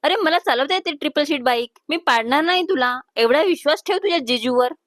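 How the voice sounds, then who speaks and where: A woman voicing a confident, teasing young husband in a storybook romance, dropping her voice lower and keeping it calm. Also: fairly quick, dry recording, studio quality.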